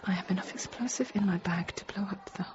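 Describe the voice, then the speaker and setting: In this intimate radio drama monologue, an actress in her 30s voices a frightened young Parisian nursery teacher telling, in a controlled way, of a siege. Whispered in a mid-range female voice and lightly acted, her tense narration comes in halting fragments that often drop to a hush. The recording sounds dull and noisy.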